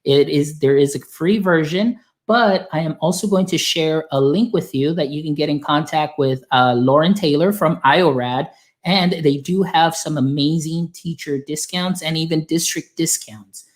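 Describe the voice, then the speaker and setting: A man from Texas, working as an instructional software specialist, walking teachers through a browser extension in a friendly, explanatory way. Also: a little high, moderate pace. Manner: friendly, explanatory, filler-heavy. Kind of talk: software tutorial demo.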